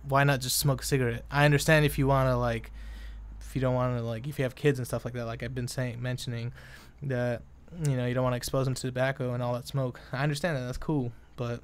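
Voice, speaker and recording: A man's voice: mid-range voice, smooth. A young man in a casual, profane, rambling rant, exasperated and full of fillers and restarts. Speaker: vlogger.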